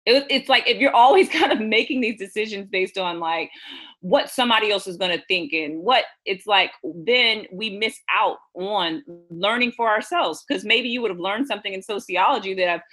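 A woman's voice: mid-range voice, moderate pace, a bit bright. An American woman from Houston, a novelist guest, talking reflectively in a casual interview, often circling back with "you know" and "it's like". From Houston, USA.

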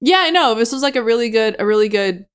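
A woman co-hosting a podcast, chiming in with quick casual reactions and the odd swear word. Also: fairly high pitch, lively intonation, clean tone. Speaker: podcast co-host. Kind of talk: casual chat.

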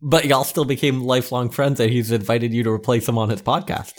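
Man, interviewer, medium pitch, casual comic questioning, deadpan, slightly hesitant. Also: a little fast.

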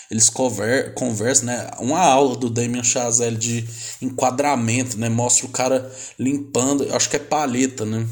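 A young man with a Brazilian accent walks through a film's story in a relaxed, slangy way. His voice sits at an ordinary middle pitch, and he keeps checking in with quick tag questions as he goes. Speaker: film recapper. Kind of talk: casual film retelling.

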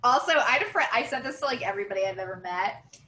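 A bright-voiced woman co-hosting a chatty podcast, higher than most, with an easy giggle and loose asides. The room is echoey and roomy around her. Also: expressive, quick pace. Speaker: podcast co-host. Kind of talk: casual chat.

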